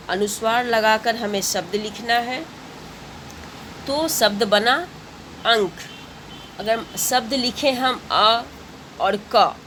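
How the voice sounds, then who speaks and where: A woman's voice: mid-range voice, a bit bright, slight background noise. A woman teacher giving a grammar lesson to schoolchildren, patiently repeating and spelling out each step.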